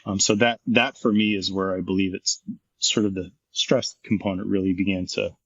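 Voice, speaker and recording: A man's voice: low-pitched, little pitch movement, moderate pace, husky, dry recording, lo-fi sound. A middle-aged man, a former firefighter and paramedic, telling his story frankly and intensely in an interview, swearing freely.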